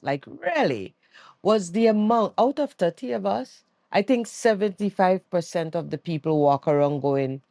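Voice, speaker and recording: A worn-out woman speaks slowly from her bed, taking her time and stopping often to search for words. Her tired voice is recorded close and dry, with no room sound around it. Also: low-pitched, darkish tone, no room sound. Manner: slow, searching, pauses often with um. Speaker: vlogger. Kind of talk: reflective personal talk. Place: at home, sitting on her bed.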